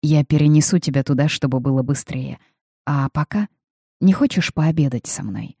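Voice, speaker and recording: A reader voicing a tender, teasing young male prince who speaks soft, low and intimate, in an audiobook. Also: normal speed, gravelly, slightly rough, no echo, studio quality. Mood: gentle.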